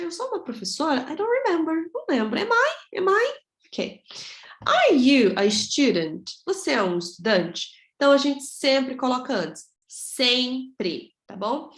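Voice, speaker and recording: A Brazilian woman teaching an online English grammar lesson. She drills each form slowly, then explains quickly, often checking in with her students. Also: medium pitch, fairly bright tone, reverberant. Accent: Brazilian Portuguese.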